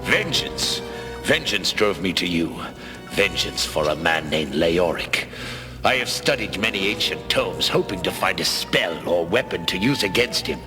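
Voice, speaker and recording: A man's voice: deep voice, expressive, measured pace, over music. A man playing a proud, vengeful cartoon villain lord with a pompous, declamatory delivery.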